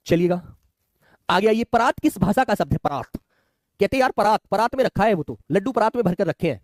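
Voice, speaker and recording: A man's voice: high-pitched, animated, a little fast, dry recording, clean studio sound. A man teaching a live online exam class, chatty, often calling students his children and asking them to answer.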